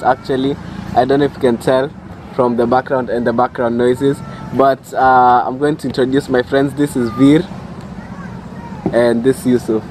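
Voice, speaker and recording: A teenage boy chats casually with friends for his vlog, earnest and insistent as he tells his story. He sits at an outdoor table, picked up by a camera in front of him, with steady traffic noise clearly behind. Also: mid-range voice. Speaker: vlog host. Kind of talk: casual chat, prank. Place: outdoor go-kart venue, garden table.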